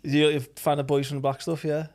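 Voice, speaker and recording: Male host, slightly high voice. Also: level tone, a little fast, darkish tone. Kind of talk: casual interview.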